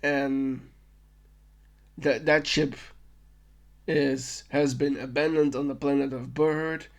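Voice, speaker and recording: On his podcast, a man summarizes a film slowly in a level, mid-range voice. He wanders casually through it, pausing to correct himself and stammering whenever he restarts.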